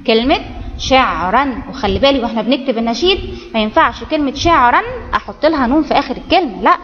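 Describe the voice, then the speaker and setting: High-pitched and Egyptian-accented, a woman teaches Arabic grammar to children online as a primary school teacher. She breaks each point down step by step and often makes sure the class is keeping up. The sound is lo-fi and trails off in long reverb.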